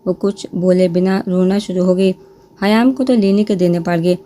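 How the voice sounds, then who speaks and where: A woman narrating a romance novel aloud, reading every character's lines in her own voice with small lifts in pitch. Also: fairly even intonation, dark tone, slight background noise. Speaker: novel reader.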